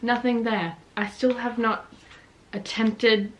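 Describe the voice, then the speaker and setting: A woman's voice: a little high, little pitch movement, slow, reverberant, recorded from a distance, a little hiss or hum, low-quality recording. A young woman chatting casually in a vlog, bubbly and gushing, full of "like" and "oh my gosh.". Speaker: book vlogger. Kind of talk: casual chat.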